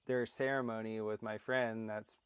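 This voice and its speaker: Smooth-voiced man chatting casually. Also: on the low side, little pitch movement, moderate pace, no room sound. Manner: rambling, jokey storyteller. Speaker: livestream host. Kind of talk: casual chat. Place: outdoor porch.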